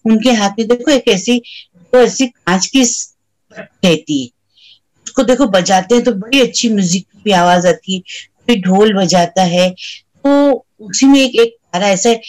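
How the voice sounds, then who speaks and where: A woman's voice: mid-range voice, rough recording. A woman teaching young children a rhyme, reciting it in a sing-song way and imitating the sounds of trains, birds and animals.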